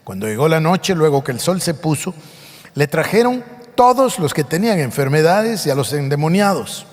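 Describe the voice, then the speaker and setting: A man's voice: fairly high pitch, big pitch swings, normal speed, big-room sound. A man preaching a sermon, reading scripture aloud and explaining it with emphasis. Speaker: pastor.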